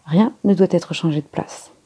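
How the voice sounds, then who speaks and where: A woman voicing Poirot, a courteous older male detective who speaks calmly and with gentle authority. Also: on the low side, normal speed, husky.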